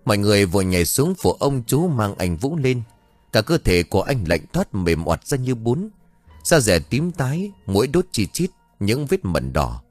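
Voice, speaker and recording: A man reads a story aloud with a lower-pitched voice that rises and falls freely. He narrates from a script with plenty of expression. Faint music plays softly behind him. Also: big pitch swings, normal speed, dry recording. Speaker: audiobook narrator.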